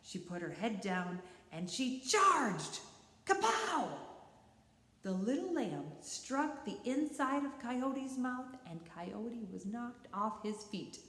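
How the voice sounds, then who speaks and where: A woman telling a folktale aloud as a storyteller, expressive, acting out the characters' voices. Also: a little high, slow, hardly any pauses. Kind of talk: bilingual read-aloud storytelling. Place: library. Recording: roomy library hall.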